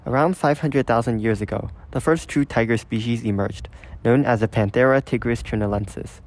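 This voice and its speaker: A man's voice: medium pitch, fairly quick, a little mellow. A man reading scripted, factual nature documentary narration.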